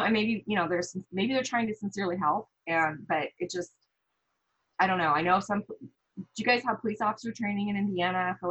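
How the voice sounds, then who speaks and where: A woman from the American Midwest talks as a guest in a casual conversation, telling stories and acting out her own thoughts. Her voice is lowish and husky. The audio is dull and lo-fi. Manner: animated storytelling with quoted thoughts. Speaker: podcast guest.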